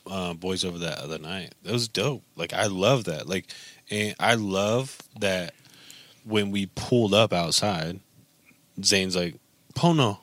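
A man's voice: deep voice, a little slow, a bit bright, no echo. A man in his thirties chatting casually as a podcast co-host, in a slangy, profane, bro-like manner.

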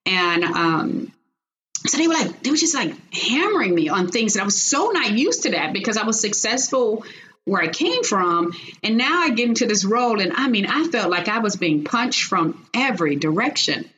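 A middle-aged woman from Chicago recounts her past in an earnest, lively way, circling back and restarting her sentences as she talks. Her voice sits in a middle pitch. A faint hiss of noise runs under the recording. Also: normal speed. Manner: animated, earnest storytelling with restarts. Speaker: guest. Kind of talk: personal storytelling interview.

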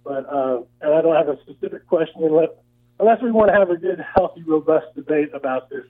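Man calling in over a tinny phone line. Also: fairly high pitch. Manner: earnest, rambling with many pauses. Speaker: caller. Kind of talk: call-in radio chat.

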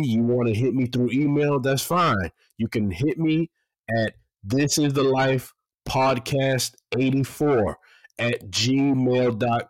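A man from Florida in his late thirties hosts a podcast over a video call, keeping the chat casual, laid-back and slangy while laughing often. His voice is medium-pitched with no echo, though the audio is poor.

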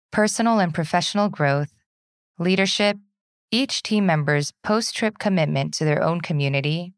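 A woman hosting a podcast, reading a scripted introduction in a measured, announcer-like way. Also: low voice, no room sound, clean studio sound. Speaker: podcast host.

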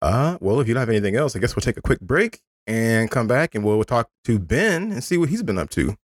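A man's voice: mid-range voice, big pitch swings, brisk, breathy edge, no room sound, studio quality. A man in his thirties hosting a casual podcast chat, loose and profane, laughing often. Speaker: podcast host.

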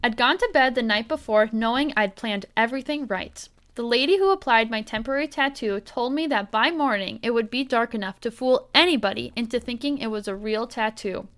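Smooth-voiced woman podcast co-host. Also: a little high, fairly quick, few pauses. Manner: warm reactions, frequent laughter. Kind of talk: casual chat, reading listener stories aloud.

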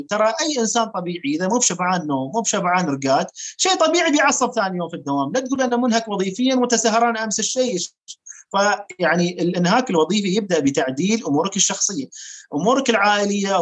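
A doctor with an Emirati accent speaking as an expert guest in an interview, explaining in a lively, emphatic way and mixing in English terms. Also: mid-range voice. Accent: Emirati Arabic.

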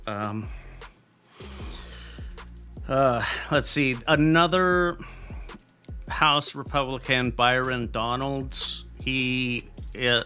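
A man's voice: medium pitch, pushed and bright. An American man hosting a podcast, giving casual, rambling news commentary in a blunt, profane way with lots of fillers. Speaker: podcast host.

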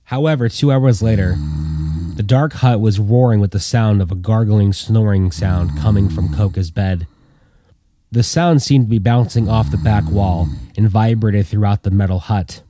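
A man narrating a story in a plain, steady reading voice. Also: lowish voice, moderate pace, a little hiss or hum.

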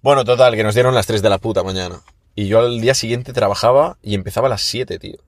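A man's voice: lowish voice, fast, dry recording, studio quality. Laid-back man, casual chat. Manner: laid-back, peppers speech with "tío", animated when mimicking others. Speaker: podcast co-host.

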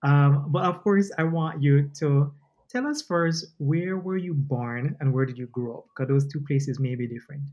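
A man's voice: on the high side, lo-fi sound. Upbeat man hosting a podcast. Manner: excitable, upbeat, playful; scripted intro, then chatty and quick to tease. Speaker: podcast host. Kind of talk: casual interview.

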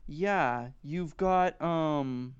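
A man's voice: on the high side, clean tone, no room sound, lo-fi sound. Eager male trivia contestant, clean resonant tone, dry sound. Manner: eager, quick answers with stumbles. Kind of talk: casual quiz banter.

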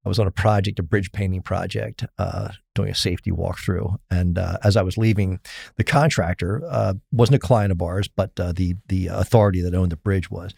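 A middle-aged man with a very low, gravelly voice tells rambling, self-mocking stories, full of fillers. His tone is husky, and the sound is dry and close. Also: fairly even intonation, fairly quick, a little mellow, dry recording. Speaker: risk consultant guest. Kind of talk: casual storytelling interview.

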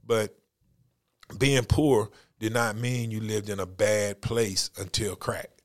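Middle-aged male podcast host, easygoing and chatty, unhurried delivery. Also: fairly low pitch, fairly even intonation. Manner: laid-back, storytelling. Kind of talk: casual chat.

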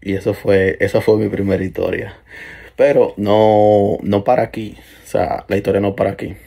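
Young man, low-ish voice, earnest and hesitant, telling a true-feeling ghost story. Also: level tone, normal speed, vocal fry, dark tone. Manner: earnest, hesitant, restarts and trails off. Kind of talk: first-person paranormal story.

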